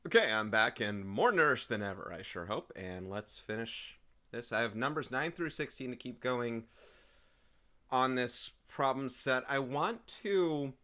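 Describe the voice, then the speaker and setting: A man teaching a casual video math lesson, chatty and thinking aloud, often clearing his throat and apologizing, speaking into a desk microphone. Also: mid-range voice, expressive, a little slow, pushed and bright.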